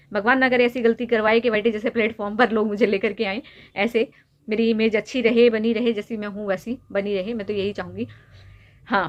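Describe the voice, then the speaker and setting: This is a direct-to-camera opinion rant by a young woman YouTube vlogger whose voice sits on the high side. Over dull audio, she lectures and scolds someone, repeatedly pressing each point with rhetorical questions.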